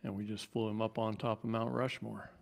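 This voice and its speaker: A man giving a live seminar talk to an audience, animated and jokey, his voice climbing high when he gets worked up. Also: fairly quick, creaky. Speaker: seminar speaker.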